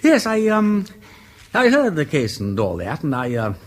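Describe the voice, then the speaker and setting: In British radio drama style, a male actor plays a breezy, gallant English aristocrat detective with an upper-class accent, foppish, chatty and self-deprecating. His fairly high voice swings hugely in pitch at a moderate pace, sounding bashful and eager with hesitant politeness.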